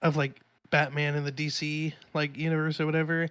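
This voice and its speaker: A woman's voice: deep voice, flat delivery, fairly quick, smooth. A woman telling a story in an easygoing, casual way while chatting with friends. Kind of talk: casual chat among friends.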